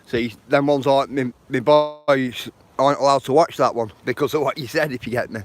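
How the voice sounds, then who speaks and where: A man's voice: mid-range voice, fairly even intonation, fairly quick. Chatty Lancashire man streaming outdoors. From northern England. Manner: chatty, greets viewers by name; uses slang like bro and bruv. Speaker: live streamer. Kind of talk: casual walking live stream. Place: outdoors by water.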